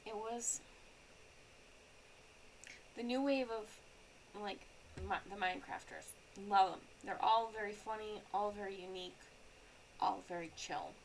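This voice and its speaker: A woman's voice: mid-range voice, measured pace, pauses often, a little mellow, slight background noise, low-quality recording. Chatty young woman streaming a game. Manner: rambling, chatty, lots of "like" and restarts. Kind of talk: casual live-stream chatter while gaming.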